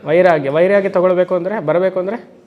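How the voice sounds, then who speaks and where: Man, swami, lecture to a class, slightly high voice, questions the listeners, slow emphatic English phrases. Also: steady tone, phone-quality sound. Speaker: swami teaching Vedanta. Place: lecture hall.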